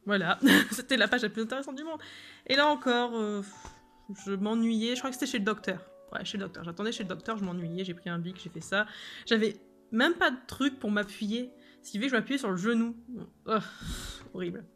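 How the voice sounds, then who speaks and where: A woman's voice: medium pitch, fairly quick, fairly bright tone, soft background music. A woman illustrator chatting casually through her sketchbook, laughing often and hesitating a lot. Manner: chatty, giggly, many hesitations. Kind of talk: casual sketchbook tour commentary.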